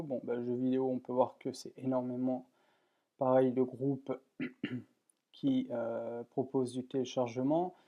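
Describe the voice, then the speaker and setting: Man, software tutorial, methodical, mid pitch, warm dark tone, frequent fillers. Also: dull audio. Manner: plain, methodical explaining with frequent "voilà" and fillers. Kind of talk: screen-recorded software tutorial.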